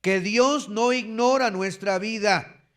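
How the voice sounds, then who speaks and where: A man's voice: sits high, slow pace. A man with an Ecuadorian Spanish accent preaching a sermon, teaching verse by verse and dictating numbered points for the congregation to write down. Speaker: pastor.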